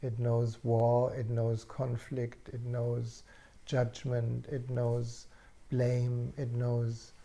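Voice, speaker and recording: A man speaking as a spiritual teacher in an unscripted satsang, slow and serene like a guru, with long pauses and a soft, gravelly voice. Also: medium pitch. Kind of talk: unscripted satsang talk, answering questions. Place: online video call session.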